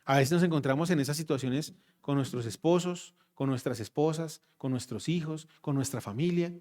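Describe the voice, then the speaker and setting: Guy preaching, kinda high voice, keeps repeating himself and asking the church stuff. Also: moderate pace, a little mellow. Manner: emphatic, repeats phrases, asks the congregation directly. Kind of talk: sermon.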